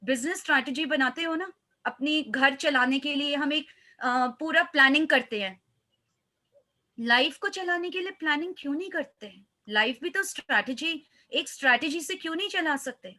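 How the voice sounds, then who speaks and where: A woman's voice: sits high, normal speed, sharp tone. A woman, a life coach, speaking earnestly in a motivational interview and mixing in English phrases.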